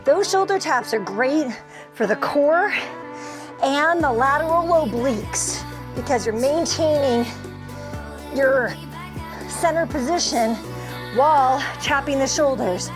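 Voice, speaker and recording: A middle-aged woman leading a workout as an encouraging, energetic instructor, calling out short motivational cues while exercising. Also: high-pitched, slow, long pauses. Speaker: fitness instructor, host. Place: inside a motorhome living area. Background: music.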